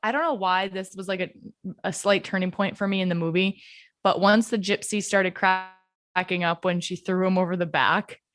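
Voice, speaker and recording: A woman's voice: mid-range voice, fairly even intonation, moderate pace, fairly bright tone, dry recording, clean studio sound. A woman co-hosting a casual film podcast, laid-back and jokey. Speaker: podcast co-host. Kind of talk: casual chat.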